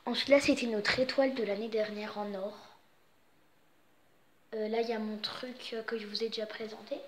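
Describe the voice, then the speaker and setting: A young woman vlogger gives a casual, rambling tour of her home's Christmas decorations, using lots of fillers. Her voice is on the high side with fairly even intonation and a normal speed, and there's slight background noise.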